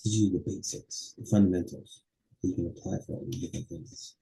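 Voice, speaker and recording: A man teaching a college public speaking class, lecturing casually and acting out quick everyday dialogue as examples. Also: deep voice, fairly even intonation, vocal fry, mellow, poor audio. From Los Angeles area. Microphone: webcam or computer mic while presenting slides.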